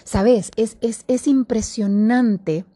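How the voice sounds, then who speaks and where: Earnest woman with a warm, husky voice. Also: a little high, slow, no room sound, studio quality. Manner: earnest and animated, drops to whispers in prayer. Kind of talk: devotional talk to camera.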